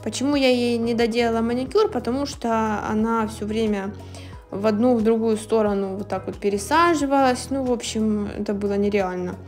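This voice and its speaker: A woman's voice: fairly high pitch, steady tone, brisk, a little mellow, faint music behind. A woman nail technician telling stories in a casual, chatty, lightly amused voice-over. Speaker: nail technician narrating a manicure video.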